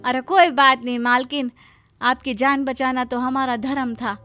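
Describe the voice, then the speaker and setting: Lady doing a poor maid begging her boss in a cartoon, high voice, soft music behind. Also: steady tone, a little slow. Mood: humble. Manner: pleading, humble. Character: poor humble maid, young wife, pleading. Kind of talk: Hindi cartoon story dubbing.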